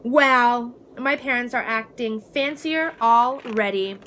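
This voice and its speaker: A woman reading a children's storybook as an excitable, precocious little girl who adores being fancy, with a dramatic manner. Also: a little high, slow, slight background noise. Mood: delighted. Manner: dramatic, precocious, proudly explaining fancy words. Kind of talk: children's storybook read-aloud.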